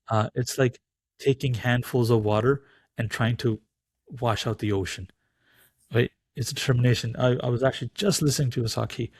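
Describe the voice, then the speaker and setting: A man's voice: medium pitch, dry recording. Man telling a story in dry room. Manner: animated storyteller, acts out quoted voices. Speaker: podcast guest, teacher of Sikh philosophy. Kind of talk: casual podcast storytelling.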